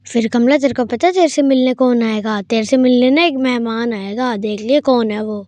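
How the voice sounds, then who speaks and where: A woman's voice: moderate pace, darkish tone, slight background noise, lightly acted. A woman voicing a lazy, forgetful young man who plays the sidekick in a horror game. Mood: teasing. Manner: lower, lazy agreeable replies.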